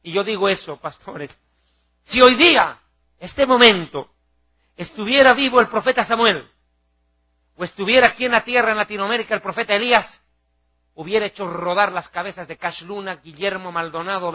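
A male preacher giving a fiery, mocking televised sermon, acting out shouting crowds. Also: high-pitched, fairly quick, muffled recording.

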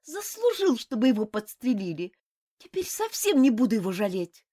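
A woman voicing an impulsive young noble lady in an audiobook, with high, exclaiming lines. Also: sing-song, normal speed, warm tone, no room sound, studio quality. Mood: fretful, exclaiming. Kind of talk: audiobook character voice.

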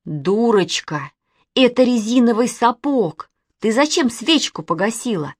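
A woman's voice: sits high, big pitch swings, slow pace, dry recording, clean studio sound, voice pushed up, heavily acted. A woman voicing a bossy young girl who scolds and teases in a raised voice. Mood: cross. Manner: scolding, teasing. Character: bossy sharp-tongued young girl Katya.

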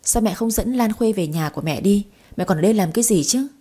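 A woman voicing a calm, reasonable father who talks evenly. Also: medium pitch, quick pace, breathy edge.

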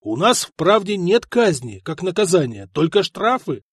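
A man's voice: high voice, very animated, normal speed, slightly rough, no echo, studio quality, pitched above the performer's own voice, exaggerated voice. A man voicing a hot-tempered older duke who roars and blusters, in a storybook reading. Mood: wary. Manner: roaring, blustering.

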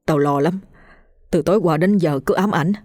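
A woman's voice: deep voice, moderate pace, darkish tone, no echo, studio quality. A woman voicing a frightened young office manager who stammers and trembles with guilt. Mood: panicked guilt.

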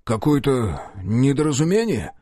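A man's voice: mid-range voice, very animated, moderate pace, mellow, dry recording, studio quality, pitched above the performer's own voice. A man reading an audiobook, voicing a cowardly, corrupt young police officer who whines evasively and pleads. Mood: pleading.

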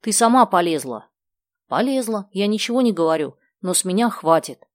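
A woman voicing a sharp-tongued schoolgirl who talks in a sarcastic, indignant way. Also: mid-range voice, lively intonation, moderate pace, no room sound, clean studio sound, voice pushed up, lightly acted.

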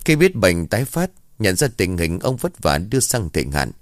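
Deep-voiced man telling a folk ghost story. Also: sing-song, moderate pace, no room sound, clean studio sound. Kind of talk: scripted ghost story narration.

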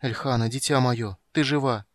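A man's voice: medium pitch, normal speed, dry recording, close to an everyday voice. A man reading aloud, voicing an anguished, frenzied old elf king in an audiobook. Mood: shaken. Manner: anguished, crying out.

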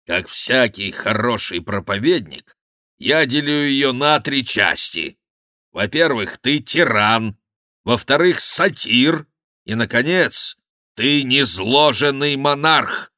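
A man's voice: fairly low pitch, bright, forceful tone, dry recording, studio quality. A man voicing a fat, brazen monk who bellows and mocks, preaching with scorn in an audiobook reading.

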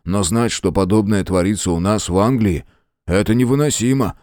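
A man's voice: lowish voice, moderate pace, darkish tone, dry recording, studio quality, lightly acted. A man voicing a blunt, loyal soldier brother who talks earnestly in an audiobook.

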